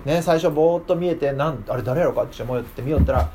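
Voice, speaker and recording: With a quick pace and a voice leaning high, a man runs a relaxed Bible class, energetically asking his group questions. A bit of background noise is audible.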